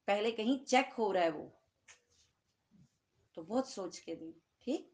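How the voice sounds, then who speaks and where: A woman's voice: medium pitch, lively intonation, darkish tone. A woman with a Pakistani Urdu accent giving a Quran lesson to seated listeners, talking conversationally and often asking the room checking questions. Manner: conversational, asks the audience frequent checking questions. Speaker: Quran teacher.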